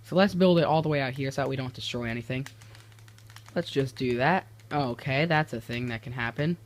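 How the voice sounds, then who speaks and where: A man's voice: mid-range voice, a little fast. A teenage boy casually commenting on his game builds, rambling and restarting his sentences, easily exasperated. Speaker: gaming video creator.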